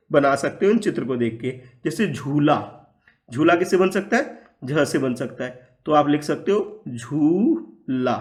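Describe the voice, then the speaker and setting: A man teaching young children, patiently repeating words and asking questions back. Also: on the high side. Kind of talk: classroom lesson for young children.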